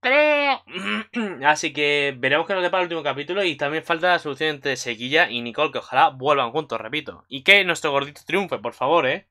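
A man's voice: a little high, a little fast. Rambling guy recapping anime. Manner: rambling, filler-heavy, excitable. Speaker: anime commentary vlogger. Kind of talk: casual episode recap.

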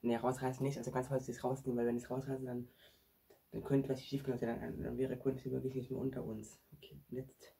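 Man, vlog host, excitable, addresses viewers, very husky breathy voice. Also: mid-range voice, a little fast. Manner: excitable, talks straight to viewers. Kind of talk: staged real-life prank vlog.

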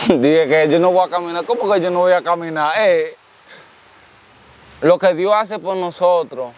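A man's voice: high voice, unhurried, dull audio. Earnest Dominican man telling a story. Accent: Dominican Spanish. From Dominican Republic. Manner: earnest, repetitive, calls on God. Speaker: interviewee. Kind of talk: casual storytelling.

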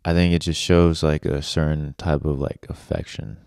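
A young man in his early twenties talks in a casual podcast chat. His voice sits very low and comes out smooth and clear, recorded close and dry. He rambles, padding his thoughts with "like" and "you know.". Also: little pitch movement, normal speed, darkish tone, dry recording.

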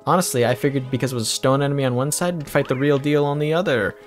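A man talks through a video game in a relaxed, rambling way, tossing off small jokes between moves. His voice sits at an ordinary middle pitch. Faint game music runs underneath. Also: quick pace. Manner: rambling, jokey asides. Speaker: let's play commentator. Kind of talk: casual gameplay commentary.

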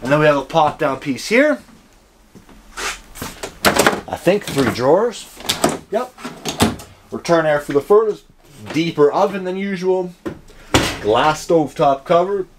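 A man's voice: a little high, lively intonation, a little slow, long pauses. A man giving an upbeat, jokey walkthrough of a camper trailer as a dealership salesman. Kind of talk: casual walkthrough tour. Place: inside a small camper trailer. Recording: noisy camper interior.

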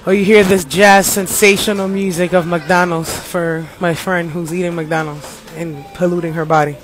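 High-voiced playful man livestreaming. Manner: playful, joking, mock announcer voice. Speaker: astrologer. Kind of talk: casual livestream chat. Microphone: phone.

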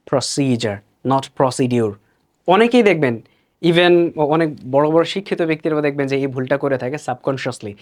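A man with a Bangladeshi accent gives a pronunciation lesson, his voice sitting a little high. He explains each word, then repeats it slowly and carefully so the learner can copy it. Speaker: English pronunciation teacher.

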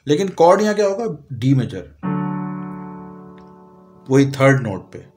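Man, Pakistani Urdu accent, piano teacher, calm step-by-step explaining, medium pitch, piano audible behind. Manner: calm, step-by-step explaining, sometimes sings lyric fragments slowly. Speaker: music teacher. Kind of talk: piano lesson walkthrough.

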